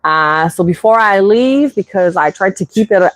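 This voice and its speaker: With lively intonation and medium pitch, a woman from Quebec chats to viewers on her casual bird-keeping livestream, recorded with no room sound. English is her second language, spoken with a French accent; she takes her time, often restarts, and reads out comments.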